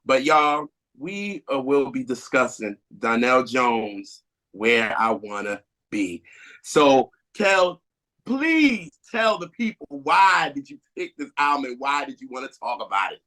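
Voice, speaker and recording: An American man co-hosting in a casual chat, telling stories in an animated way and acting out conversations. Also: mid-range voice, slow, rough recording. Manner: animated storytelling, acts out quoted conversations. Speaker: podcast co-host.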